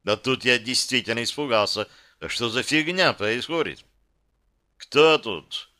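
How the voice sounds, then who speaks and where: Bright, crisp male audiobook narrator. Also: medium pitch, moderate pace. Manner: tense, terse inner monologue. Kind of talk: first-person fantasy audiobook reading.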